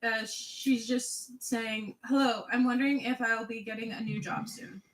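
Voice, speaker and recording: A woman's voice: a little high, fairly even intonation, measured pace, rough recording. A woman reading out viewers' questions from a live chat, hesitant with fillers.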